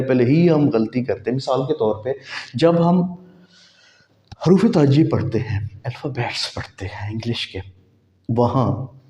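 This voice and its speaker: A man's voice: mid-range voice, darkish tone, reverberant. A man with a Pakistani Urdu accent teaching an English lesson, asking his own questions and then answering them, and spelling letters out one by one. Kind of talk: spoken language lesson.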